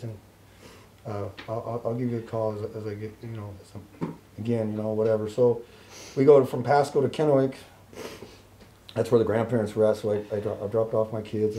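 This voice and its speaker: A man's voice: medium pitch, slight background noise. A middle-aged man casually telling a personal story in an interview, acting out the voices of the people he quotes. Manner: animated, acts out other people's voices in quotes. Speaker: interview guest.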